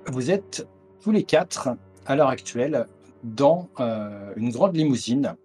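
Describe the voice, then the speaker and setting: A man's voice: medium pitch, lively intonation, slow pace, a little mellow, husky, faint music behind. A man narrating a tabletop horror game as game master over a video call, with many hesitant fillers. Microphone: headset on a video call.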